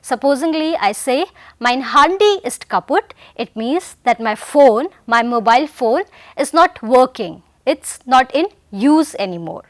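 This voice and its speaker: In a recorded language lesson, a woman teaches German vocabulary in English, patiently repeating every word and sentence and addressing her learners as dear friends. Her voice sits high with lively intonation, a little slow, and the recording is dry.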